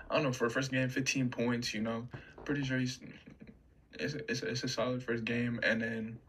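A man's voice: medium pitch, a bit bright. A man co-hosting a casual sports podcast, hedging his opinions and filling gaps with "you know". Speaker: podcast co-host. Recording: faint background noise.

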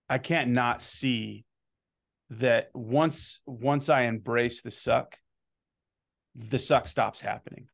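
A man in his thirties hosting a podcast, an energetic storyteller who swears freely and keeps asking "right?". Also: medium pitch, vocal fry. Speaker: podcast host. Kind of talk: casual chat.

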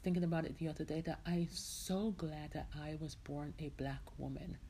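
Woman host from Jamaica, middle-aged, casual rambling podcast chat, slightly low voice. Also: normal speed, mellow, slight background noise. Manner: chatty, rambling, heartfelt, many "you know"s.

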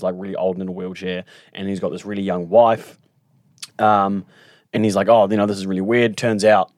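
Low-voiced young man telling a story. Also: a little mellow, dry recording, studio quality. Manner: loose storytelling with swearing and laughs. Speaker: podcast co-host. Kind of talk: casual chat.

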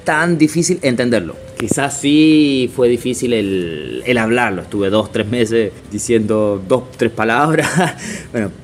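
A medium-pitched Chilean man in his thirties, a circus artist, responds to interview questions in a relaxed, faltering style marked by frequent fillers and restarts, with faint music in the background.

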